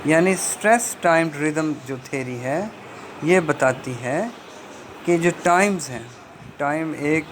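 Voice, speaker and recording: A man giving a linguistics lecture, explaining a textbook step by step with frequent hesitations and reading English passages very slowly. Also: on the high side, lively intonation. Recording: faint background noise.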